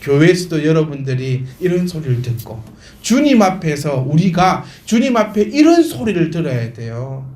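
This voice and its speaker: A man's voice: on the high side, sing-song, moderate pace, a little mellow. A male pastor preaching a sermon to his congregation, emphatic and full of rhetorical questions. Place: church sanctuary. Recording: roomy church hall echo.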